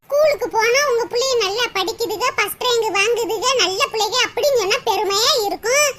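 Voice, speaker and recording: A woman plays a strict cartoon mother who complains and argues loudly in a rural southern Tamil accent. Her voice is very high and shrill. Loud noise runs under it. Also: fairly quick. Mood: complaining. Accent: southern Tamil Nadu rural.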